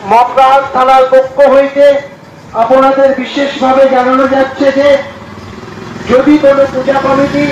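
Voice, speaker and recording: A man making a formal police announcement through a megaphone on a moving vehicle, in measured, repeated phrases. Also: very high-pitched. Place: outdoors on a street. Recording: echoey loudspeaker with faint traffic.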